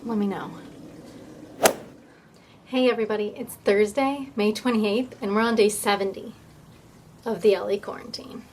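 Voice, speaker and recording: A woman's voice: medium pitch, steady tone, moderate pace, pauses often, a little mellow. A woman chatting casually and informally to her viewers as a vlogger, often thinking aloud, with some noise in the recording. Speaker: vlogger and real estate agent. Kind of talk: casual vlog chat.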